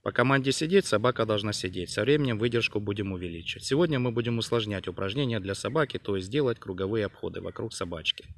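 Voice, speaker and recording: A man's voice: fairly low pitch, fast, few pauses, no echo. A young man giving instructional dog-training explanations in set phrases, recorded outdoors by a camera a few metres away. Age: young adult. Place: outdoors on a dirt clearing among trees. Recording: noisy outdoor camera sound.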